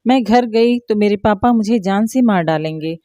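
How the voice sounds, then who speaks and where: A woman's voice: medium pitch, normal speed, warm tone, lo-fi sound, natural voice. A woman voicing a frightened young college girl who pleads tearfully. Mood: scared.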